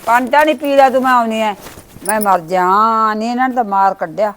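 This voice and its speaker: A woman's voice: fairly high pitch, quick pace, lightly acted. A woman playing an elderly mother who scolds her daughters-in-law, with a Punjabi accent. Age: older. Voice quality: scolding, rustic. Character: old mother, sharp-tongued toward daughters-in-law. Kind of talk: village family skit acting.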